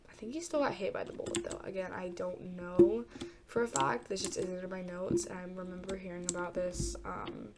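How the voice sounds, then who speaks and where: With vocal fry in her lowish, congested voice, a young woman chats about true crime while gaming, meandering and hesitant, restarting often and leaning on fillers. Loud typing and heavy background noise fill the recording.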